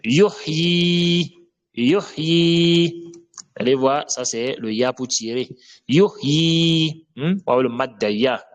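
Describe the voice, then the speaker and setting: A man teaching Quranic pronunciation, repeating each word slowly and correcting common mistakes. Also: medium pitch, fairly even intonation. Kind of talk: slow step-by-step pronunciation lesson.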